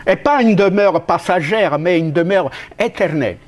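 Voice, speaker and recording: A man from Italy with an Italian accent, preaching a sermon in an emphatic way, with sudden leaps and drops in pitch and halting restarts. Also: expressive.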